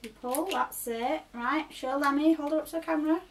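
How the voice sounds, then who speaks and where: A young woman in a bedroom, gently asking a small child questions while unboxing a toy. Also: high voice, fairly quick. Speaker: vlogger and mother. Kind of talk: casual toy unboxing chat. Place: bedroom, sitting on a bed. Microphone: camera mic from a few feet away. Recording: distant camera mic, clear background noise.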